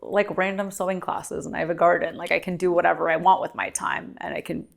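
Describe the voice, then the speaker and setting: A woman's voice: fairly low pitch, flat delivery, quick pace, creaky. A young woman from California speaking frankly and reflectively as an interview guest, with frequent filler words. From Glendale, California. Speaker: guest, adult performer. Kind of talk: candid interview conversation.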